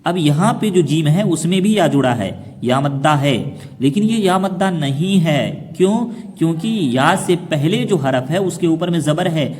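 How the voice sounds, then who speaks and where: Man, Quran reading teacher, fairly high voice, asks and answers his own questions, long reverb. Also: expressive, a little mellow. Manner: asks questions and then answers them himself, slowing down to spell out syllables. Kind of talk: explaining a lesson to children.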